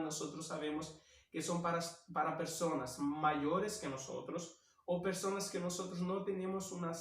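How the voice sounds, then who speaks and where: Slow-talking man teaching Spanish. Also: high-pitched, fairly bright tone. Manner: slow and deliberate, repeats phrases, self-corrects, tags "ok?". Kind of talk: recorded video lesson. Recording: roomy echo, mic at a distance.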